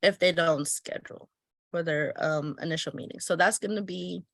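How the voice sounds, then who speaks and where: Speaking at a moderate pace, this woman has a low-leaning, creaky voice captured in a dry, clean studio recording. She runs a travel business and chats her way through a casual weekly-planning tutorial, narrating each step as she fills in her planner. Her cold makes her sound slightly stuffy.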